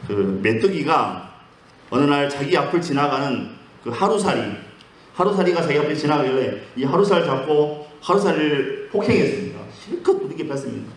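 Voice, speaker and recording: A man's voice: fairly high pitch, a little hiss or hum. A man preaching as a pastor, mixing Bible teaching with joke stories and acting out the voices in them. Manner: storytelling, acts out quoted voices. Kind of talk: sermon with jokes. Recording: echoey room.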